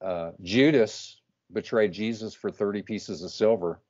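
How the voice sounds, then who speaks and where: Host: man in his 30s, low voice, measured and halting, muffled video-call sound. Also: darkish tone. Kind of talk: casual interview talk.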